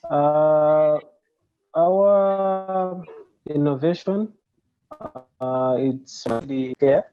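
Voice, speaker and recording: A man's voice: fairly high pitch, extremely slow, clean tone, soft background music. A man answering questions over a video call whose audio keeps breaking up, speaking hesitantly with many filler sounds. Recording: muffled, dropping video call.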